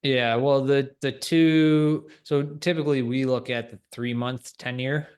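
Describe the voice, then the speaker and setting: A man's voice: medium pitch, fairly even intonation, unhurried, a little mellow, smooth. A man co-hosting a finance podcast, explaining markets in a thoughtful, hedging way. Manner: thoughtful, hedging, laughs between points. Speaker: co-host. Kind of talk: casual finance podcast chat.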